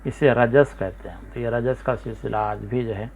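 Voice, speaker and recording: A man with a Hyderabadi Urdu accent giving a lecture on poetry, explaining slowly with many fillers and repetitions. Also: medium pitch, creaky, a little mellow, slight background noise. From India. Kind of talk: spoken lecture. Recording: tinny phone-like recording.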